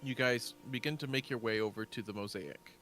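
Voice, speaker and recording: Guy dm-ing a tabletop game, lots of ums and laughs, soft music behind. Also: medium pitch. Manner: laughing, halting with fillers. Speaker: game master. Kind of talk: running a tabletop game online.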